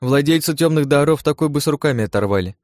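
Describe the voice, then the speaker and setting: A man's voice: a little high, lively intonation, quick pace, a little mellow, no room sound, studio quality, pitched above the performer's own voice, natural voice. A man voicing a seasoned, envious young woman warrior who grumbles and teases in an audiobook. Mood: teasing. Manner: teasing, grumbling, blunt. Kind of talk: audiobook character voice.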